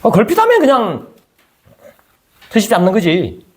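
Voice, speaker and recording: A man's voice: high voice, huge pitch swings, moderate pace, darkish tone. A male pastor preaching a conversational sermon, firing rhetorical questions at his congregation.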